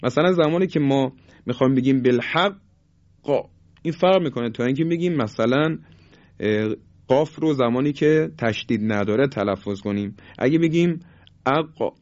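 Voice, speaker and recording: A man teaching Quran recitation in Persian, explaining each rule, then drawing out the example words slowly and firmly. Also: mid-range voice, a little mellow. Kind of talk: tajwid lesson with slow demonstrations. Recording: dull lo-fi sound.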